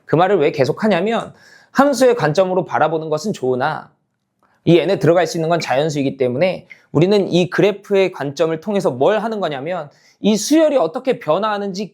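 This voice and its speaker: A man's voice: sits high, lively intonation, fairly quick, a little mellow. A man teaching a math lesson, explaining step by step, repeating key points and constantly checking that the class follows, switching between casual and polite speech. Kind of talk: lecture to students.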